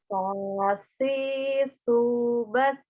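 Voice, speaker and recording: A woman's voice: on the high side, very slow, faint music behind. Hesitant woman student, muffled call audio. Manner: hesitant, repeats syllables after the teacher. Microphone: video call.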